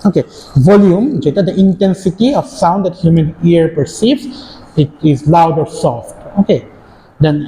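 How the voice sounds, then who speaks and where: A male university lecturer with a high-pitched, mellow voice gives a classroom lecture, switching between Bengali and English and checking in often with tag questions. The hall sounds echoey, with faint ambient noise.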